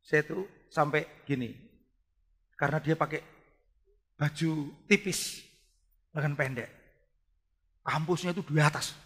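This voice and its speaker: A middle-aged man preaching a sermon, animated, speaking straight to the congregation and swinging from soft to loud. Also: fairly high pitch, unhurried, pauses often, husky. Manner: animated preaching with big swings in loudness, often addressing the congregation. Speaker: pastor. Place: church hall. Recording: reverberant church hall.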